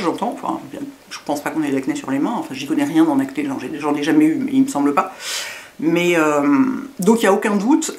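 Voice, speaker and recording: A middle-aged woman with a lisp and slushy s sounds, chatting casually in a rambling, self-mocking way as a beauty vlogger. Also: fairly low pitch.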